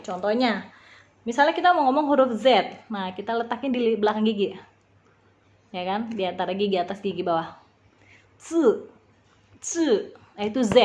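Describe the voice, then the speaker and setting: Patient woman teaching pronunciation slowly. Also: on the high side, dull audio. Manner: patient, demonstrates sounds slowly and repeatedly. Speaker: language teacher. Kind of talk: beginner language lesson.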